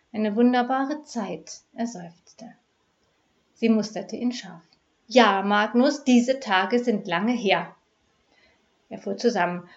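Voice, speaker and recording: A woman reading a cozy crime story aloud in a measured, expressive storytelling manner. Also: a little high, muffled recording. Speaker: narrator. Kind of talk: scripted narration of a crime story.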